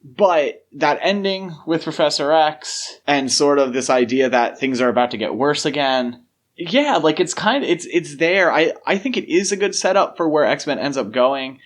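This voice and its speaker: A podcast host with a fairly high-pitched voice and lively intonation talks about films at normal speed. His casual discussion is explanatory and opinionated, unfolding in long, winding thoughts.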